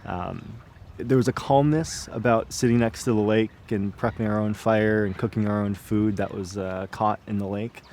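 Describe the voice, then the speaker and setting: Low-voiced man, hesitant and reflective. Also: fairly even intonation, normal speed, few pauses, a little mellow, a little hiss or hum. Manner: hesitant, searching for words. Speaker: guest explorer on a travel series. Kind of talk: casual reflective talk.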